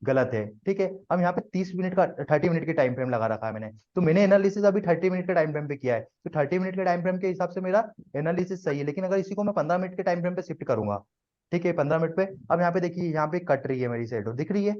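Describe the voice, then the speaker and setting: A man's voice: high voice, very fast, darkish tone, lo-fi sound. A man teaching a live trading class to students, explaining step by step and often checking that they follow.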